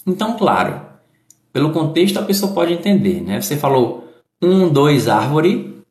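A man's voice: fairly high pitch, big pitch swings, normal speed, a little mellow. A man with a Brazilian accent teaching English phrases and pronunciation in a live online lesson, explaining patiently step by step. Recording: echoey room.

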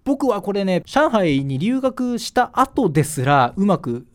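A man from Fukushima, Japan, hosting a solo podcast in a chatty, animated way with frequent fillers. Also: high voice, a little slow. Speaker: podcast host.

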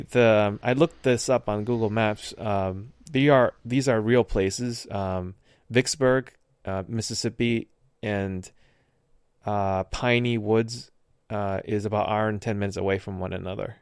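A man with a low, smooth and resonant voice chats casually and thoughtfully. He hunts for words and fills pauses as he goes. The sound is dry, with no room around it. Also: dry recording. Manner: thoughtful, searching for words with many fillers. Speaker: podcast co-host discussing a film. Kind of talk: casual chat.

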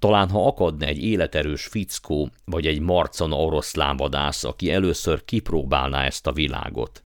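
A man voicing a greedy, pompous elderly uncle who gets excitable and boastful. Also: a bass voice, no room sound, studio quality.

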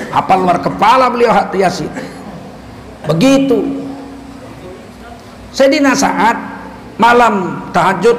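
High-voiced man preaching a lively sermon. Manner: animated storytelling with jokes. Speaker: Islamic preacher. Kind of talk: sermon storytelling. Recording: echoey hall, faint background noise.

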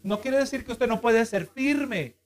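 A man preaching a sermon in a fairly high voice. He reads scripture and explains it as he goes. He keeps checking in with the congregation through short asides. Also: unhurried. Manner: preaching with frequent "amén" and "¿verdad?" asides. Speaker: pastor.

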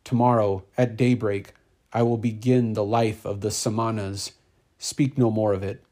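A man voicing a calm, resolute young seeker in a storybook reading, speaking quietly and firmly. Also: on the low side, moderate pace, close to an everyday voice.

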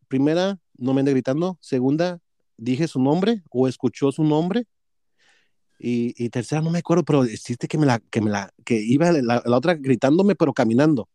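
A man's voice: fairly high pitch, mellow, no echo. A man with a Mexican accent telling a workplace story in casual chat, profane and gossipy, acting out both sides of a quarrel.

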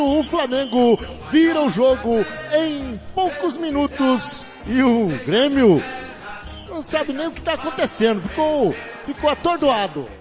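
A man giving excited radio analysis of a football goal, emphatic and playful with his words. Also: very high-pitched. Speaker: football commentator.

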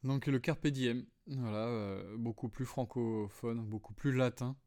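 A man hosting a solo podcast, calmly explaining philosophy, with frequent fillers and restarts. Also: medium pitch, unhurried. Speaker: podcast host. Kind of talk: reflective solo talk on philosophy.

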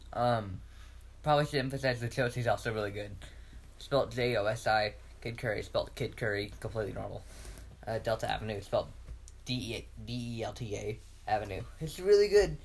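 A man co-hosting a casual podcast, rambling with many fillers and restarts, often breaking into laughter. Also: mid-range voice. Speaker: podcast co-host. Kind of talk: casual chat.

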